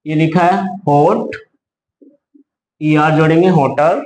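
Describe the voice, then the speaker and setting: A man's voice: a little high, steady tone, slow, a little mellow. A male teacher giving a grammar lesson, spelling words out letter by letter and answering his own questions. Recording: echoey room, faint background hum.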